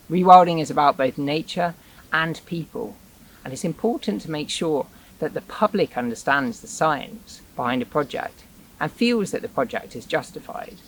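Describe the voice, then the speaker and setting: A man's voice: mid-range voice, gravelly, a bit bright, a little hiss or hum, rough recording. A man presenting a rewilding explainer in scripted narration, with dry, wry asides.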